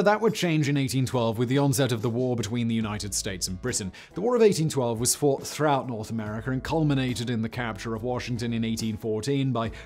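A male host narrating a scripted history documentary, dropping in wry, sarcastic asides. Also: medium pitch. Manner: wry, sarcastic asides with sudden loud outbursts.

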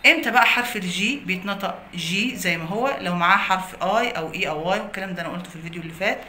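A woman's voice: mid-range voice, rapid-fire, sharp tone. A woman with an Egyptian Arabic accent teaching an English pronunciation lesson, explaining phonics rules through many example words. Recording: echoey room with faint noise.

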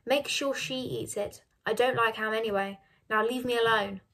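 A woman reading the lines of a gruff, starving old man, curt and dismissive. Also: a little high, steady tone, moderate pace, fairly bright tone.

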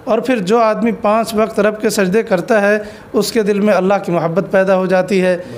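A man's voice: sits high, little pitch movement, moderate pace. A man who is an Islamic cleric, answering an interview question with an earnest, exhortative sermon and stories.

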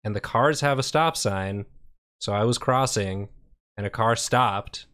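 A man's voice: fairly low pitch, a little slow, fairly bright tone. A man co-hosting a stream, recounting a quarrel with exasperated, quoted back-and-forth. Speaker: co-host of an art stream. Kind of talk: casual chat.

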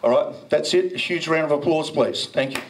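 At a blockchain meetup held in a dim event room, a middle-aged presenter with a handheld mic pokes fun at himself and jokes around with the audience. His fairly high voice moves fairly quickly, and background noise is audible.

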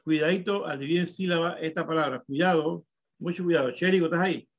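A man's voice: a little high, fast talker. A male primary school teacher running an online class, calling on pupils and patiently spelling words out syllable by syllable.

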